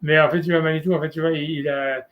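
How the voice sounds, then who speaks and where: Guy rabbi giving a chill torah class, lots of "tu vois" and ums, drops hebrew words in, voice a bit on the high side. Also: flat delivery, fast talker, dull audio. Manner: casual, hesitant, many fillers and "tu vois"; mixes Hebrew terms into French. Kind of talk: informal one-on-one Torah lesson.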